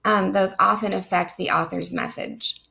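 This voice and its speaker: Teaching literature in a recorded online lecture, this woman speaks at a moderate pace with fairly even intonation and a mid-range voice. Her tone is bright and forceful, but being sick has made it gravelly and strained as her voice gives out. She explains steadily, with lots of ums.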